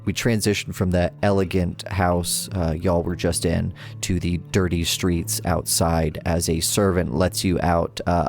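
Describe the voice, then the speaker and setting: A man narrating as game master of a tabletop role-playing game, descriptive and measured. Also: sits low, vocal fry, darkish tone.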